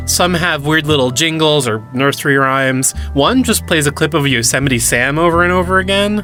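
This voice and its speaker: A man's voice: fairly high pitch, moderate pace, pushed and bright, soft background music. An actor playing an enthusiastic young male cryptid hunter who explains things eagerly in an audio drama. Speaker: lead character.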